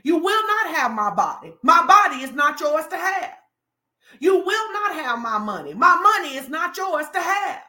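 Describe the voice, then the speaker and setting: Woman pastor, high and bright, preaching with commanding fervor in an echoing hall. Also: big pitch swings, moderate pace. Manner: fervent, declaring and commanding, call-and-response cadence. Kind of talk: sermon. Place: church hall. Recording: echoey room.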